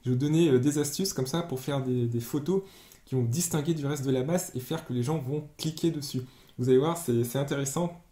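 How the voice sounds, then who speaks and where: A man giving a screen-share tutorial as an online sales trainer, explaining step by step and pausing often on fillers. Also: medium pitch, warm tone. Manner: explanatory, hesitant with many fillers. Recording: roomy echo.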